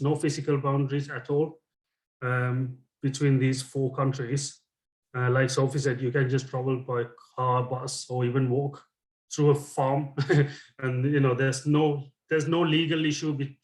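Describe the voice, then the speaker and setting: Male co-presenter, mid-pitched, measured delivery, roomy echo. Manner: measured, adds points with fillers. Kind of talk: online training discussion.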